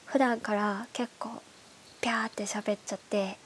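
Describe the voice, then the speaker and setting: A woman with a stuffed-up, nasal voice from hay fever, hosting a bedtime radio show in soft, breathy, casual chat that often drops toward a whisper. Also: medium pitch, fairly even intonation, normal speed. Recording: clearly audible background hiss.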